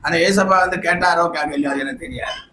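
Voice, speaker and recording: Male preacher, recovering from illness, high-pitched bright delivery, faint room ambience. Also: quick pace, slight background noise. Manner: fervent preaching, often shouting hallelujah. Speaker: pastor. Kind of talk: sermon. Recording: echoey church hall, faint ambience.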